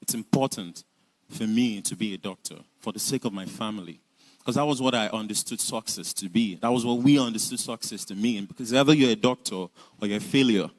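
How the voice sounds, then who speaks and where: Speaking briskly in a lowish voice, a young Nigerian man with a Nigerian accent describes his life story. His tone stays earnest and reflective, and he lets out light laughs as he talks.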